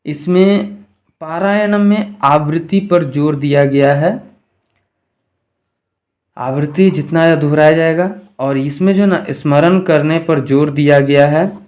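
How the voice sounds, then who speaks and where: A man with a fairly high voice teaches an exam-prep lesson. He reads questions aloud, then explains them with rhetorical questions to the class. His pace shifts between slow, stretched-out words and quick bursts. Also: darkish tone. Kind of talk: exam-prep lesson going through multiple-choice questions.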